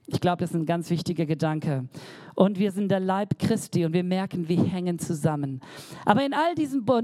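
Earnest woman preaching, warm dry voice. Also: medium pitch, no room sound. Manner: earnest, emphatic preaching with repeated phrases. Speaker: pastor. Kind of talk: sermon.

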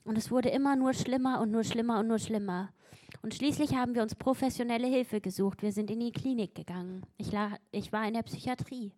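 A woman preaches quickly in a fairly high, darkish voice. Her sermon is emphatic, and she performs biblical quotes with mounting force.

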